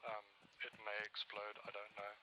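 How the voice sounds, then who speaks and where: Guy directing his squad in a military game, really forceful tense voice, bit of noise and gunfire. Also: lowish voice, completely flat delivery, normal speed, rough recording. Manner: directive, tactical. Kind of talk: live gameplay squad chatter, giving tactical instructions. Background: game gunfire and artillery.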